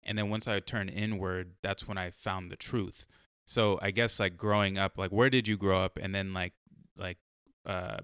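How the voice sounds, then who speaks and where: A man hosting a podcast in a very deep, resonant voice, recorded dry and close. He asks long, reflective questions, rambling a little and filling them with "like" as he works out his thought. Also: vocal fry, fairly bright tone, clear, resonant tone, dry recording. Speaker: podcast host. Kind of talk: casual podcast interview.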